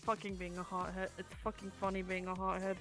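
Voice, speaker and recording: A woman's voice: lowish voice, completely flat delivery, fairly quick, over music. A woman streamer chatting casually during a roleplay session, exasperated and swearing freely. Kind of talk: casual gaming chat.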